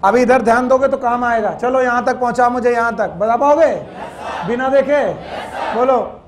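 Man, biology teacher, classroom lecture, very high voice, quizzes and teases students, faint class murmur. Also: normal speed, some chatter behind, slight background noise. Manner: quizzes the class, scolds and jokes; mixes English terms into Hindi.

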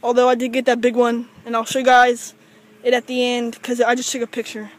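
A man's voice: extremely high pitch, monotone, a little fast. A teenage boy from Georgia hosting a casual fishing vlog outdoors by a pond, chatty and joking. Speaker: vlog host.

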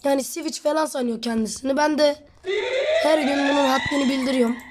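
A woman's voice: high voice, steady tone, brisk, very noisy. A woman casually commenting on her own gameplay, teasing her teammate and talking to viewers. She says she is sick. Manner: chatty, teasing, addresses viewers. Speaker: gamer and channel host.

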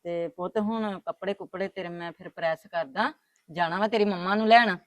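A woman's voice: fairly low pitch, a little fast, no echo. Coaxing woman in a dry room. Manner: coaxing and consoling. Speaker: grandmother in a family drama. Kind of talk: Punjabi family web drama acting.

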